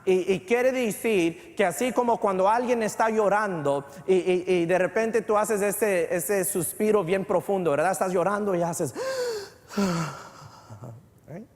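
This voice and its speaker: Man, pastor, bilingual sermon, high voice, long church echo. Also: moderate pace, few pauses, darkish tone. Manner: mixes English phrases into Spanish; repeats words, builds to fervent emphasis. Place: church sanctuary.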